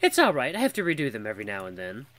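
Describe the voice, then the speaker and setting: A man's voice: medium pitch, huge pitch swings, racing, fairly bright tone. A man voicing a teasing, wry female beast-folk villager as he reads a visual novel aloud, with a dry, mocking way of talking.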